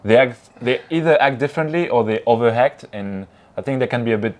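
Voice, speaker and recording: A man's voice: mid-range voice, fast talker. Friendly French-accented man, interview guest. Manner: friendly, simple phrasing, frequent yeahs. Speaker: guest, YouTuber. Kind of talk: casual interview.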